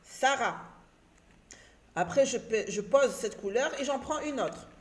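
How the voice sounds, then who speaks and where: A woman's voice: a little high, expressive, measured pace. A woman teaching an early reading lesson, spelling words out letter by letter and stressing syllables.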